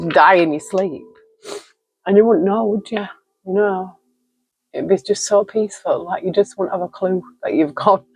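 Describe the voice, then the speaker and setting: A woman's voice: deep voice, breathy edge, rough recording. A woman giving a spoken tarot card reading, reflective and emotional, listing card meanings aloud. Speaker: tarot reader.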